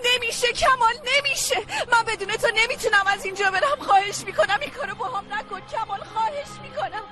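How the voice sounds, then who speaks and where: A woman's voice: very high voice, pushed and bright, faint music behind, some chatter behind. A woman dubbing a heartbroken young wife who cries and pleads in a TV drama. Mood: desperate. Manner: pleading, sobbing. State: crying. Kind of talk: Persian dub of a TV drama.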